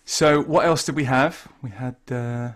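A man's voice: mid-range voice, fairly even intonation, a little slow, fairly bright tone. A man leading a community choir rehearsal over a video call, chatty and self-deprecating. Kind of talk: casual online choir rehearsal talk. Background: guitar playing.

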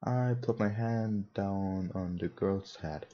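Reading a visual novel for his gaming audience, a young non-native English speaker speaks slowly in a low voice, dropping casual, hesitant comments. There's slight background noise, and the dull lo-fi mic picks up music, game music and mouse clicks.

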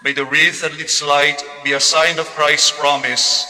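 A young Filipino man, a priest, leading Mass prayers in a measured, solemn way at a lectern microphone in a large church. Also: a little high, level tone, bright, forceful tone, soft background music. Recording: long church reverb.

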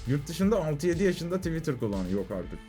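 A young man rants on a casual live stream, his voice a little higher than most men's. He talks very fast, jumping between loud outbursts and low mutters. Faint music plays behind him. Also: sing-song.

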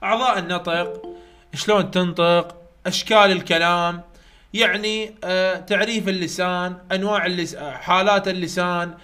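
A man's voice: high voice, fairly even intonation, brisk, bright, forceful tone, soft background music. A man with an Iraqi Arabic accent giving a chatty live online lecture, repeating key points and speaking straight to his students. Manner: repetitive, chatty teaching, addresses students directly. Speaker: English phonetics tutor.

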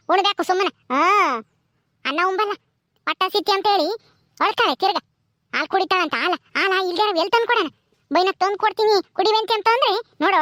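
A woman's voice: very high voice, dry recording, clean studio sound. A woman playing a poor village mother, scolding her hungry daughter in a village skit. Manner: scolding, loud and exasperated. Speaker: actor in a village drama.

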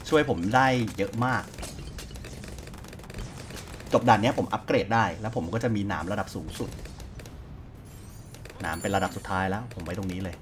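A man's voice: on the low side, normal speed, long pauses, noisy background. A man giving casual let's-play commentary, chatty and thinking aloud as he plays. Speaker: gaming YouTuber.

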